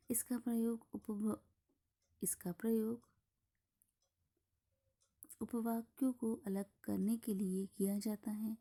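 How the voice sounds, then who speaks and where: A woman teacher explains a grammar lesson step by step, her delivery slow and deliberate. Her voice is dark and mellow with a gravelly edge, and it often thins into a husky, breathy half-whisper. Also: mid-range voice. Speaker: school teacher.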